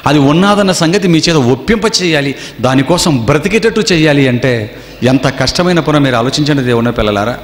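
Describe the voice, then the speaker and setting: The preacher's voice is fairly high and brisk as he addresses a gathering in a seminar hall. Stories and constant rhetorical questions drive his sermon, all captured with the long reverb of an echoey hall.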